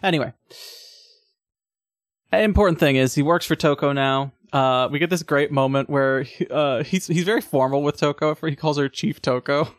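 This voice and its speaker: A man's voice: a little high, moderate pace, no echo. Chatty man recapping a film, dry mic. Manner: laughs often, rambling with fillers. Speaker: podcast co-host. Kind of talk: casual chat recapping a film.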